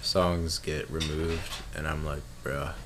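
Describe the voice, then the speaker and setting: Young male co-host, very low voice, slangy and profane, clear clatter of dishes behind. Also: level tone, slow, noisy background. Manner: slangy, swears a lot, teasing. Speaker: podcast co-host. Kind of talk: casual chat.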